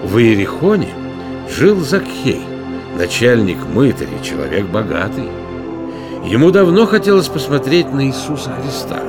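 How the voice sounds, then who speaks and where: A man narrating a children's Bible story in an expressive storytelling manner. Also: medium pitch, moderate pace, music in the background.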